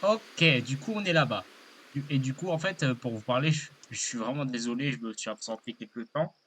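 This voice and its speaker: A man's voice: mid-range voice, expressive, brisk, a bit bright, a little hiss or hum. A man giving casual let's play commentary, hesitant and rambling with lots of fillers and apologies. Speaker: gaming YouTuber.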